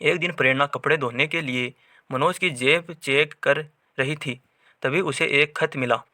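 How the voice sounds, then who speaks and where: Bright-voiced male storyteller. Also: a little high, unhurried, no echo. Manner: steady storytelling read. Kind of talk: scripted narration.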